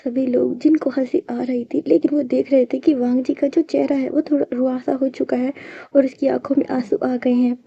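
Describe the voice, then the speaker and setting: A woman narrating a fan fiction story in a lively way, acting out the characters' dialogue herself. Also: sits high, normal speed, creaky, slightly rough, no room sound. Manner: lively, raises voice for quoted lines. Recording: dull lo-fi dry recording.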